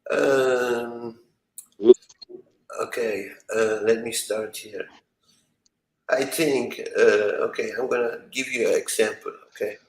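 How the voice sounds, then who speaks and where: A man arguing his opinion in a casual discussion, deliberately and with rhetorical questions. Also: medium pitch, fairly even intonation. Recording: echoey room.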